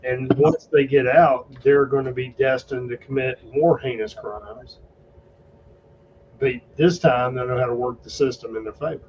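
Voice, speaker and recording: A man's voice: mid-range voice, fairly even intonation, normal speed, a little mellow, slight background noise. A man hosting a casual podcast chat, blunt and emphatic, with plenty of swearing. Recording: dull lo-fi recording.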